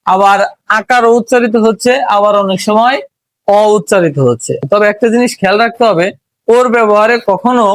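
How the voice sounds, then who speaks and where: A man's voice: high voice, fairly quick, dry recording. A man teaching a spoken language lesson, explaining patiently, repeating points and asking rhetorical questions, with a Bangladeshi Bengali accent. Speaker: English teacher.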